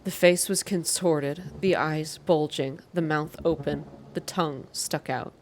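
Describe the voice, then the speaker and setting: The host of a video game reading channel, a woman with a low voice, speaks a little slowly in ASMR style, alternating narrated reading with casual news for viewers. The audio is poor, with slight background noise.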